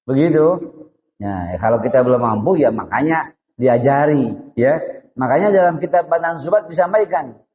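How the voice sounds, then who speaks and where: A man giving a religious study talk to parents, lively and asking his listeners questions, at times speaking gently as if to a child. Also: mid-range voice, moderate pace. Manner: lively, asks the audience questions. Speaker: religious teacher. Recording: muffled, with a long reverb.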